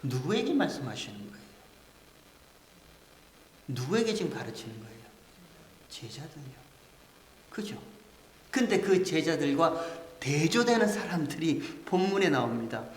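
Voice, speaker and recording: A man preaching a sermon as pastor, asking the congregation rhetorical questions and building to loud, emphatic preaching. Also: a little high, sing-song, measured pace, pauses often, a little hiss or hum. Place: church sanctuary. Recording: echoey church hall with long reverb.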